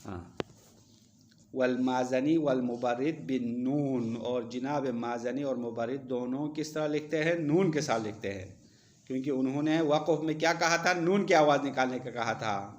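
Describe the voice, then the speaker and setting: A man's voice: mid-range voice, muffled recording. A male seminary teacher gives a classroom lecture. He reads Arabic text aloud, explains each line, and asks the students questions.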